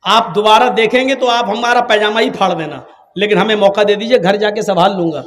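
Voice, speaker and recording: A flustered, pleading ordinary man, as a preacher acts him out, talking in a high voice. A long hall reverb trails every line. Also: fairly bright tone.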